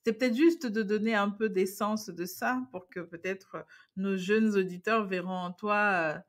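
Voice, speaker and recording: A woman hosting a podcast, asking open questions softly with fillers. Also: medium pitch, steady tone, measured pace. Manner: soft, searching questions with fillers. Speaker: podcast host. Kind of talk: casual interview questions.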